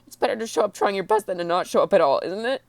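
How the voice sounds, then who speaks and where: A woman crying and very upset, venting personally in a blubbering, tearful, halting way. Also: mid-range voice, animated, no room sound. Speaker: vlogger. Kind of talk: emotional personal vent to camera.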